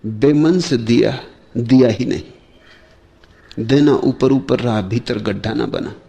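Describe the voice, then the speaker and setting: Delivering a spiritual discourse, a male teacher speaks in short phrases separated by long pauses, frequently addressing rhetorical questions to his audience. His medium-pitched voice is mellow and dark, edged with gravel, and his pace is slow and measured.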